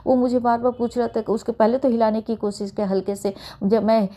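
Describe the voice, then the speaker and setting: A woman's voice: fairly high pitch, fairly even intonation, brisk, dark tone. A middle-aged woman telling a personal experience in earnest, often calling her listeners by a respectful address. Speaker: satsang sharer. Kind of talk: personal testimony.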